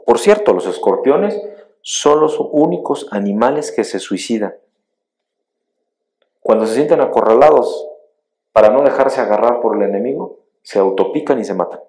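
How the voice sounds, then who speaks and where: A middle-aged man, a pastor, preaching a sermon with emphatic storytelling that swings between loud rises and quiet drops. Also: medium pitch, expressive, moderate pace.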